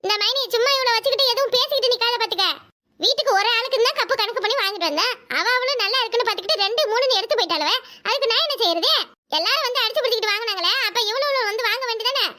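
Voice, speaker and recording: A woman voicing shrill quarrelsome sister-in-law Thangamayil. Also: racing, pushed and bright. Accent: Kanyakumari Tamil. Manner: shrill, quarrelsome, fake-tearful. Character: scheming sharp-tongued young sister-in-law, Thangamayil. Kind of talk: Tamil cartoon voice acting.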